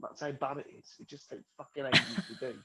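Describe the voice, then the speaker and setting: A man's voice: medium pitch, steady tone, fairly quick, heavy background noise. A man in his forties doing a crude, self-mocking stand-up set, rambling and laughing at his own jokes. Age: 40s. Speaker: stand-up comedian. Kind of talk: stand-up set over a video call.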